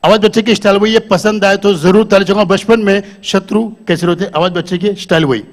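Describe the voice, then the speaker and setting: A man's voice: sits high, fairly even intonation, fairly quick. A man doing live stand-up comedy on a stage, talking to the audience into a handheld microphone and quizzing them.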